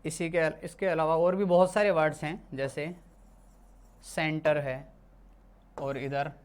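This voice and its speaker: Teacher from India, mid-pitched, talks through a lesson patiently, restating and correcting as they go. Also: steady tone, a little slow, smooth. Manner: explains patiently, repeats and corrects itself often. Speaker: English teacher. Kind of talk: classroom lesson explained in Hindi.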